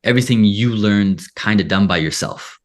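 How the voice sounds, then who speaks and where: A man with a very deep voice talks casually as an interview guest. He rambles through his stories, cutting himself off and circling back to find his point. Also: normal speed. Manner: rambling, self-interrupting storyteller. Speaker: guest, English teacher.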